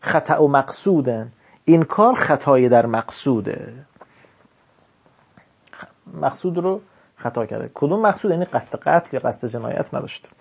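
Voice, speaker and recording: Male jurisprudence teacher at mid pitch, reads a text line by line and unpacks each point, asks and answers his own questions. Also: lively intonation, gravelly, pauses often, husky. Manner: reads Arabic text then explains it in colloquial Persian, asks himself questions. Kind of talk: classroom lecture reading and explaining a text.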